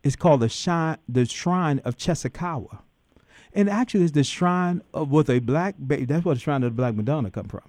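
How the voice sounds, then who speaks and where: A man's voice: fairly high pitch, expressive, brisk, a little mellow, no room sound. A man hosting a call-in radio talk show, folksy and preacherly, voice rising and dropping in emphatic bursts. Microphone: studio microphone.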